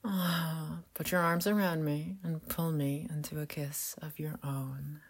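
A woman playing a doting, seductive mother figure in an intimate audio roleplay, talking softly in murmurs and whispers with hums and light laughs. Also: sits low, fairly even intonation, breathy edge, full character voice. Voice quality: soft, whispery. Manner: slow, murmuring, teasing, with frequent hums and soft laughs.

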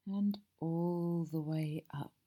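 A woman performing an ASMR audio roleplay as a masseuse, talking softly and soothingly and often slipping into whispers. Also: low voice, steady tone, takes it slowly.

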